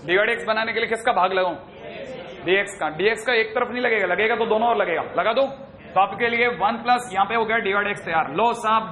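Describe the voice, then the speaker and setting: High-voiced brisk chatty male teacher. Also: pushed and bright. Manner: brisk, chatty, teasing the students. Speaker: math teacher. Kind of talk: classroom lecture.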